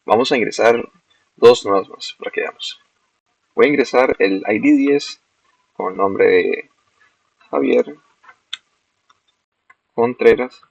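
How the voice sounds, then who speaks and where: A young man, a student walking through a screen-recorded software demo step by step and correcting himself as he goes. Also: medium pitch, takes it slowly, vocal fry, pauses often, breathy edge, dry recording. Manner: explains step by step, self-corrects. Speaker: student presenting a project. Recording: dull, lo-fi dry recording.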